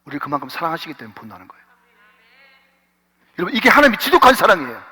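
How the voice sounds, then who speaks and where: A man's voice: fairly high pitch, big pitch swings, very fast, breathy edge. Guy pastor preaching hard, voice jumping all over, echoey church. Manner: impassioned, swings from hushed to loud, exclaiming. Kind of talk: sermon. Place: church sanctuary. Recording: reverberant church hall.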